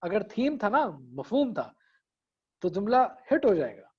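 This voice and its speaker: A man's voice: high-pitched, big pitch swings, unhurried, darkish tone, slightly rough, muffled recording. A man giving an online public speaking lesson in a conversational way, often checking in with his students. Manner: conversational, mixes English phrases, frequent "theek hai" checks. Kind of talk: online class lecture. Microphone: video call.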